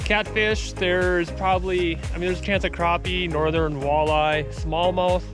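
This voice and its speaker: A man's voice: sits high, unhurried, over music. A man in his thirties chatting casually while ice fishing outdoors, upbeat and rambling, recorded on a body-worn action camera. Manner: upbeat, rambling, excited when fish bite. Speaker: vlogger, angler. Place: outdoors on a frozen lake.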